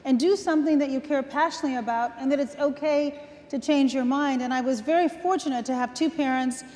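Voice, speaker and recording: A woman in her sixties, a guest on stage, telling stories from her life in a relaxed conversational way, laughing between points. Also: high-pitched, a little fast. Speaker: guest speaker. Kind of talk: onstage conversation. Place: large event hall. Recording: long hall reverb.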